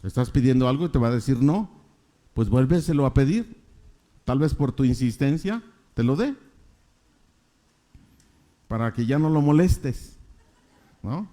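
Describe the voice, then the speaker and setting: Male preacher, middle-aged, mellow tone, emphatic repetition of key phrases. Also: mid-range voice, animated, a little slow, pauses often. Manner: questions the congregation, repeats key phrases emphatically. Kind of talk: sermon.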